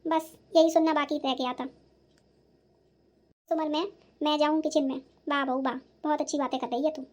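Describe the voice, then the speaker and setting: A sarcastic, self-pitying old mother-in-law in a cartoon who scolds her daughters-in-law, played by a woman. Her voice sits high. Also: steady tone, moderate pace, a little mellow, close to an everyday voice. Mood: scolding. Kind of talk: cartoon voice acting.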